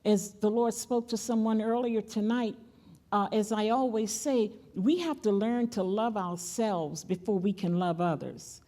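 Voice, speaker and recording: A woman's voice: medium pitch, a little slow, dark tone. An older woman, a great-grandmother, preaching as guest speaker at a church, emphatic and repeating key phrases as she calls on the audience. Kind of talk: sermon.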